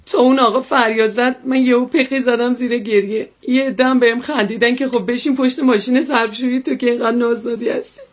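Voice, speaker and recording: A woman's voice: fairly high pitch, fairly even intonation, few pauses, natural voice. An actress playing a hurt, tearful wife and mother in a radio drama, earnest and pleading. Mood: upset.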